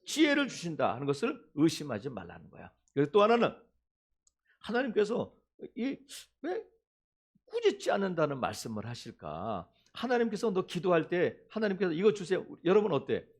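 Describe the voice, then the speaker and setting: A man's voice: fairly high pitch, wildly swooping pitch, normal speed. A male pastor preaching a sermon, asking the congregation questions and acting out quoted voices.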